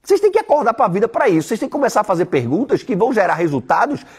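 A man's voice: high-pitched, very animated, very fast, breathy edge. A man giving a blunt, profane motivational talk on a live stream. He tells stories and mimics the people in them. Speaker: online weight-loss coach.

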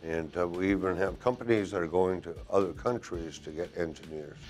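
A man in his sixties, a welding instructor, answering interview questions in a classroom with measured, deliberate phrasing and a lapel mic. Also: deep voice, over music. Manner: measured, deliberate, listing points with pauses. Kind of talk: interview answers to a program video. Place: classroom, indoors.

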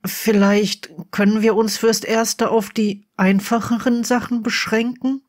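A reader voicing a shy male wizard in his forties, hesitant and earnest, a little higher than the narration. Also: flat delivery, measured pace. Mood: nervous. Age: 40s. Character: 43-year-old shy, nervous male wizard.

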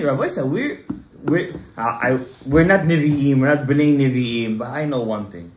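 A man's voice: fairly high pitch, darkish tone, slight background noise. A man in his thirties, a rabbi giving an emphatic Torah class to a small group and quizzing his listeners. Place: synagogue study room, indoors. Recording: roomy echo.

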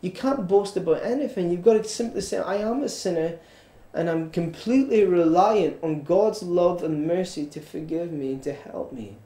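A man's voice: sits high, normal speed, mellow, roomy sound. A man preaching an earnest evening sermon as pastor, repeating phrases and restarting with stammers. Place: church.

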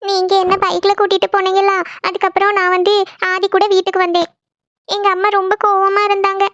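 A squeaky, very high young cartoon woman who rattles off her words between sobs, as a voice actor plays her. The tone is gravelly underneath, and the sound is dull and lo-fi. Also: completely flat delivery, fairly quick, a bit bright, no room sound. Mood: upset. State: crying. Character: young woman in love, tearful and upset. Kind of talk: cartoon voice acting.

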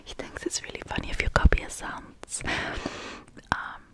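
A young woman whispering soft, repeated affirmations and casual chat into a close microphone as an ASMR creator. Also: normal speed. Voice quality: unvoiced whisper. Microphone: close sensitive mic.

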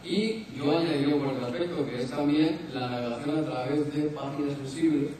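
Fast-talking Spanish man, very echoey hall. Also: on the high side, fairly even intonation. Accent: Spain. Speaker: expert panelist. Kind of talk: unscripted panel discussion. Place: conference stage, large indoor hall. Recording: very echoey hall, distant mic, crowd.

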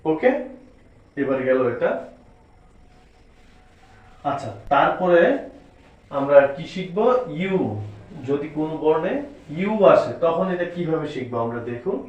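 A man's voice: on the high side, animated, a little slow, long pauses, a little mellow. A man teaching a spelling lesson, spelling out letters one at a time and asking and answering his own questions. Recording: echoey room, distant dull mic.

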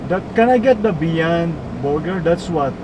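A man's voice: a little high, animated, a little slow. Man ordering at a drive-through. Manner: plain, brief requests. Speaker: vlogger and father. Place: inside a car. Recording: car interior with road noise.

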